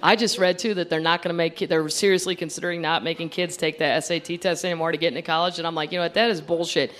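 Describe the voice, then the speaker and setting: On a club stage, a woman from Missouri in the US Midwest delivers a brash, sarcastic stand-up set at a rapid-fire clip. Her voice is fairly low, a bit bright and fairly even in intonation, and the live recording carries audience noise and laughter.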